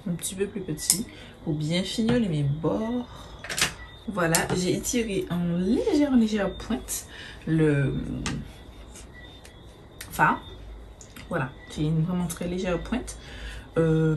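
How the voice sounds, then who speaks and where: A woman's voice: on the low side, a little mellow, slight background noise. A woman, chatting casually through a makeup tutorial, hesitant with many fillers and the odd swear word. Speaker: beauty vlogger.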